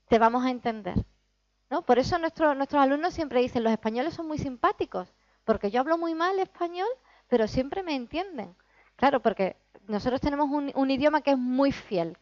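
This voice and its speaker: A woman from Spain, explaining pronunciation as a teacher giving a talk, lively and demonstrating sounds. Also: a little high, no echo, dull audio. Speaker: Spanish teacher. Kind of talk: lecture to teachers.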